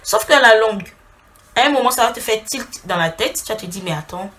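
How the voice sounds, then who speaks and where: Animated woman giving casual relationship advice. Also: a little high, fairly quick. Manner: animated storyteller acting out little scenes; speaks directly to a female audience as "tu". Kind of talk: casual advice talk to camera.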